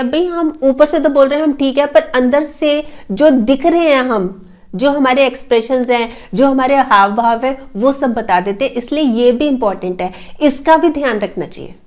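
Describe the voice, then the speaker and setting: A woman with a high, light voice talks through tips on communication in a relaxed, conversational way. She leans on homely examples and fillers as she explains each point. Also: measured pace. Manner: explains with everyday household examples; uses fillers like matlab and a. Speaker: personality development coach. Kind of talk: casual spoken advice talk.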